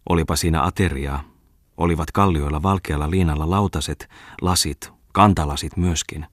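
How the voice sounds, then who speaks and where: A man reading a novel aloud as an audiobook, calm and measured, with a husky voice. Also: a bass voice, dry recording, clean studio sound. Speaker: audiobook reader. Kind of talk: scripted narration.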